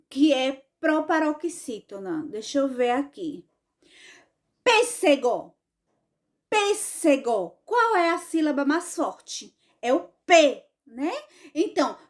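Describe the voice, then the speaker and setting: A woman teacher with a Brazilian Portuguese accent giving an online lesson, patient and affectionate, repeating points and checking that her pupils follow. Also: high-pitched.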